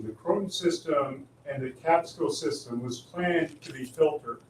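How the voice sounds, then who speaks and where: City water official, man, fairly high voice, earnest and factual, recorded from afar in an echoey room. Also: a little hiss or hum. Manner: earnest, factual, explains history and figures. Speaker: city water supply official answering questions. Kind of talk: explanatory meeting remarks. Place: county board meeting room. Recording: echoey room, distant mic.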